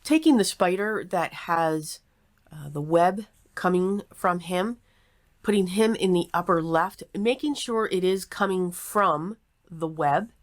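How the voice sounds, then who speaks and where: A woman hosting a casual craft tutorial in an echoey, sparsely furnished room, explaining each step aloud in an unhurried way. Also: lowish voice, lively intonation. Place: small table in a nearly empty craft room.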